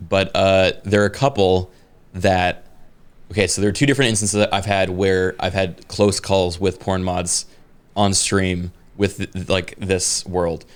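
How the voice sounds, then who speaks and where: Brief: low-pitched male podcast co-host, rambling, halting casual talk. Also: fairly even intonation, clear, resonant tone. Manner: rambling, hesitant with many fillers. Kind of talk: casual chat.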